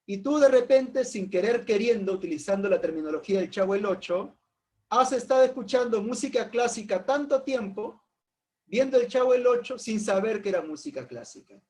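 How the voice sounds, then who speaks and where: A man's voice: high-pitched, a little mellow. A man teaching a philosophy class in an informal way, calling on students by name, asking rhetorical questions and making jokes.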